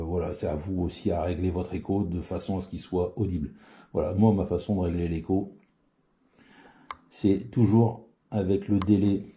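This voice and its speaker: A man's voice: low voice, mellow, slight background noise. A man giving a casual spoken tutorial on radio settings, hesitant, with many fillers and restarts. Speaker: CB radio hobbyist demonstrating settings.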